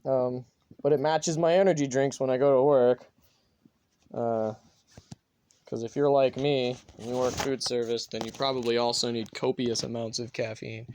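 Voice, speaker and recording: A man's voice: mid-range voice, level tone, moderate pace, a little mellow. A man vlogging casually at home, rambling in an offhand way and swearing freely. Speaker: gun vlogger. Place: indoors at home, near a bed.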